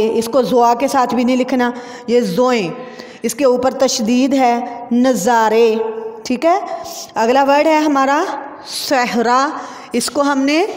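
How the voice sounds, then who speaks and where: A woman's voice: high-pitched, darkish tone, long reverb tail. A woman from Pakistan, teaching young pupils and spelling out words syllable by syllable. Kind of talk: online lesson for young pupils.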